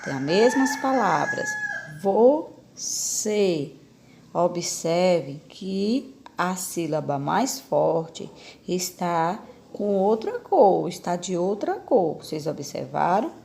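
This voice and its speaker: A Brazilian woman teaching young children in a recorded lesson, speaking unhurriedly and patiently. Her voice sits fairly low with a gravelly, fry-tinged edge. She keeps asking questions and repeating key words to coax her pupils along. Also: big pitch swings, slow, a little mellow. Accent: Brazilian Portuguese. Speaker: primary school teacher.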